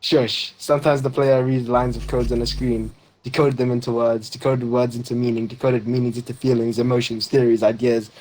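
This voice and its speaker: A man's voice: mid-range voice, flat delivery, a little fast, few pauses, a little mellow, low-quality recording. A man reading game text aloud over voice chat, hurrying through long runs of sentences. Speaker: gamer reading the game's ending aloud.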